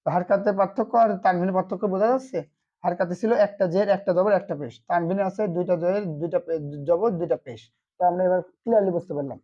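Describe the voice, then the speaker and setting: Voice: medium pitch, very fast, muffled recording. A Quran reading teacher giving an online lesson, asking short questions and answering them himself.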